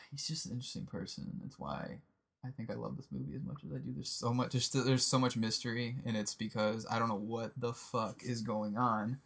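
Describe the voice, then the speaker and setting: A man's voice: mid-range voice, fairly even intonation, fairly quick, vocal fry, fairly bright tone. A man co-hosting a podcast, chatting casually in a laid-back, rambling way with lots of fillers. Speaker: podcast co-host. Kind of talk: casual chat.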